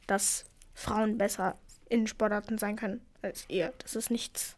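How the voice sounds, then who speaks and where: A teenage girl from Afghanistan chatting casually, telling stories about school in an animated, indignant way. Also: medium pitch, unhurried. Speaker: student talking about school. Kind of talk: casual chat.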